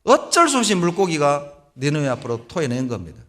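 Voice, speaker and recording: Middle-aged pastor guy preaching in church, really animated, voice swings up and down a lot. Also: a little high, fairly quick. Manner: animated storytelling, acts out biblical voices. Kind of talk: sermon. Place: church sanctuary.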